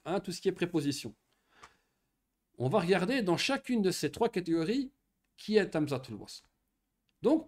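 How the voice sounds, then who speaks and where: Lively man teaching Arabic grammar. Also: on the high side. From Morocco. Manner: patient, lively explanations with frequent checking questions. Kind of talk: online Arabic grammar lesson for children.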